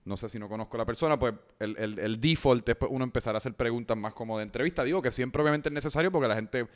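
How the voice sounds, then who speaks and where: A young man, hosting a podcast in a relaxed, joking way and swearing casually. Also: medium pitch, very fast. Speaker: podcast host.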